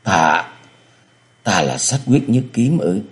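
A man's voice: deep voice, very animated, slow, full character voice. A man voicing a scheming old male sect elder who coaxes and commands. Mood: coaxing, commanding. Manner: commanding, coaxing.

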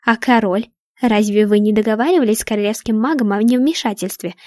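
Brief: cruel dark witch, mocking and hissing, read by a woman, dry close sound. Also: fairly high pitch, fairly quick, dry recording, close to an everyday voice. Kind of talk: storybook reading.

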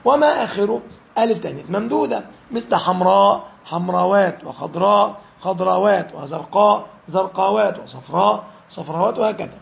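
A man's voice: high voice, fairly quick. A man teaching an Arabic grammar lesson, repeating key phrases and asking and answering his own questions. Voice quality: gravelly. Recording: dull lo-fi recording.

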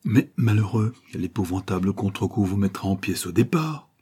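A hostile, hot-headed stranger, put on by a male narrator hammers out his objections with scorn. The voice is pushed up from a low, dark, husky base. It is a storybook reading. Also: normal speed. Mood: heated, scornful.

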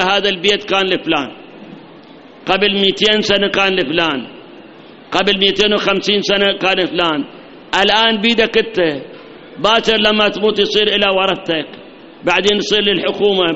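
A man's voice: high voice, pushed and bright, in a large hall, a little hiss or hum. A man with an Iraqi Arabic accent preaching a sermon in a teacherly way, putting rhetorical questions to the audience. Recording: dull lo-fi recording.

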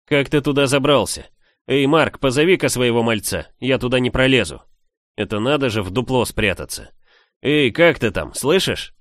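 A man's voice: medium pitch, animated, moderate pace, a bit bright, dry recording, studio quality, voice pushed up, natural voice. A man voicing a plump, kindly village woman who talks in a chatty, fussing, motherly way, reading an audiobook. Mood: calling out.

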